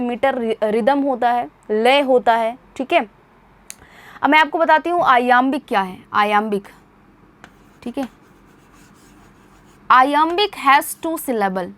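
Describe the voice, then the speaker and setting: Brief: young woman from India, high voice, patient exam tutor who repeats key points. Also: no echo. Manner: explanatory, repeats points and checks with "theek hai?"; reads English sentences slowly and deliberately. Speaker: teacher. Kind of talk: exam-prep lesson in Hindi with English terms.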